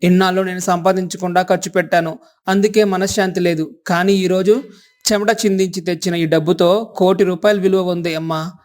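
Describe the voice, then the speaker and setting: A woman's voice: on the low side, fairly even intonation, fairly quick, darkish tone, lightly acted. A woman voicing a young son who has given up drinking, talking in an earnest, reassuring way.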